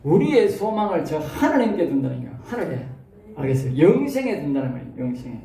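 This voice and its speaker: A Gyeongsang-accented male pastor preaches in a high, dark-toned voice. He peppers his teaching with rhetorical questions and quick check-ins. He is recorded from a distance in an echoey room. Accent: Gyeongsang Korean. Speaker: pastor teaching theology students. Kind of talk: expository sermon.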